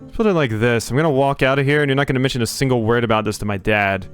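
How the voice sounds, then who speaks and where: A man's voice: mid-range voice, very fast, faint music behind, close to an everyday voice. A man voicing a snarky, foul-mouthed teenage girl assassin who sneers and swears. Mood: taunting.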